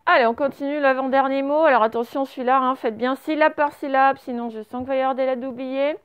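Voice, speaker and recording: A woman's voice: high-pitched, steady tone, quick pace, clean tone, muffled recording. A woman teaching a children's dictation, stretching each word and spelling it out syllable by syllable. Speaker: primary school teacher.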